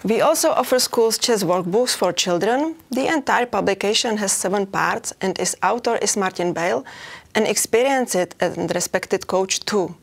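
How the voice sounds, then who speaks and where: A woman's voice: medium pitch, normal speed, vocal fry. A woman from the Czech Republic giving a prepared conference presentation for a chess federation, reading steadily with occasional hesitations.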